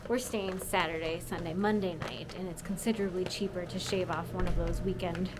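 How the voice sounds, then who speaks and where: A woman's voice: on the low side, fairly even intonation, a little fast, noisy background. A woman travel vlogger chatting upbeat as she narrates her plans out on the street. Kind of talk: casual travel vlog chat. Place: outdoors on a town street.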